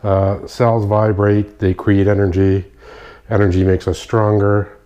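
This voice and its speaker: Nasal low-voiced man explaining. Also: flat delivery, measured pace, warm tone. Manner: explanatory, stops to correct himself. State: nasal from a sinus infection. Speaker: kinesiology practitioner. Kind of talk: casual spoken demonstration. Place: indoor room at night, dim light. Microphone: phone.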